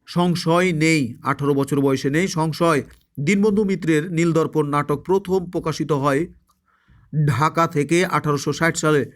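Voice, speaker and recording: Rapid, drilling male exam tutor. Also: fairly high pitch. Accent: Bengali. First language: Bengali. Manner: rapid drilling, spelling words out letter by letter; repeats answers for emphasis. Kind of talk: exam review lesson.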